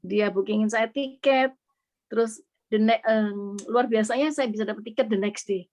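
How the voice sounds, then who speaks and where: A woman's voice: fairly high pitch, moderate pace, darkish tone. A middle-aged woman from Indonesia earnestly sharing a personal faith testimony, slipping English words into her speech.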